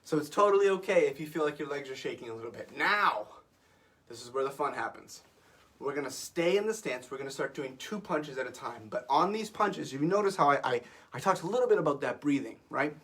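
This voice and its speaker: Young guy sensei coaching a class to camera, kinda high voice, a bit breathless, upbeat. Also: animated, brisk. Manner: upbeat, coaching, counts out loud and shouts "ha" on punches. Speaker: martial arts instructor. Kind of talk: guided workout class to camera. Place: office. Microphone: camera facing him.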